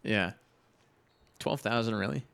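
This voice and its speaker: A man's voice: on the low side, measured pace, vocal fry, fairly bright tone, clear, resonant tone. A man co-hosting a podcast, listening and chiming in with brief reactions and quips. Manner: short reactive interjections and quips. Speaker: podcast co-host. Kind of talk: casual chat.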